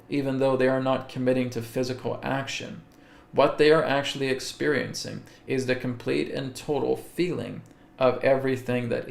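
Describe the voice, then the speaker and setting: A man with a mid-range voice and vocal fry hosts a live spiritual webcast, answering viewer questions slowly and deliberately. He often checks in with "okay?", and the room is echoey.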